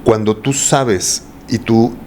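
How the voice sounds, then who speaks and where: A man's voice: lowish voice, steady tone, slow pace, mellow, slight background noise. A man with a Mexican accent, a voice coach talking at length in a casual interview and often asking rhetorical questions. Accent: Mexican Spanish. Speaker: voice coach guest.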